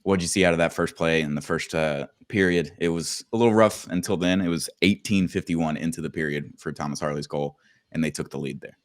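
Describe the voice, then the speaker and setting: A very low-pitched man hosts a casual sports podcast, his voice rough and hungover from the night before. He talks in a chatty, colloquial way, and the sound is close and dry. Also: a little fast, no echo. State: rough, hungover morning-after voice. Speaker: podcast host.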